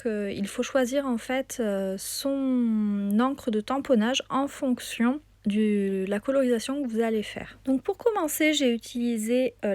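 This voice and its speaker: A woman's voice: sits high, a little mellow, dry recording. A woman hosting a craft tutorial in a casual voice-over, chatty and enthusiastic, with lots of hesitant fillers. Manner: hesitant, frequent "euh" fillers. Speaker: craft video host.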